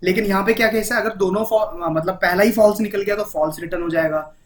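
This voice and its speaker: A man's voice: high-pitched, fairly even intonation, fast talker, slight background noise. A man with an Indian accent teaching a programming lesson in a casual, chatty way, often checking in with his listener and mixing English terms into his talk. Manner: repeats "ठीक है?" and mixes English terms into Hindi. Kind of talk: casual Hindi coding lesson.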